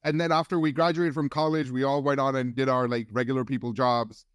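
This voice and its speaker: A man in his forties, originally from India, talks casually as a podcast guest. His voice is smooth and resonant, sits at a middle pitch, and is recorded close and dry. He tells his story loosely, doubling back and restarting often. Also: a little fast, no echo. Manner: relaxed storytelling with many restarts and fillers. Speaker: guest film editor.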